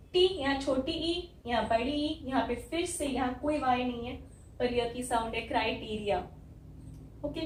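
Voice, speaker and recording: A woman teacher giving a spoken language lesson, explaining slowly and spelling out each sound step by step. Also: sits high. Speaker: English teacher. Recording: echoey room, from some distance.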